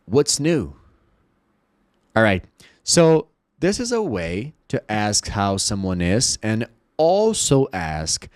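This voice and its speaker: Lively Brazilian man teaching English. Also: fairly low pitch, clean tone, no room sound, studio quality. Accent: Brazilian Portuguese. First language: Portuguese. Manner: lively, drills phrases slowly and repeats them. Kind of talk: online language lesson.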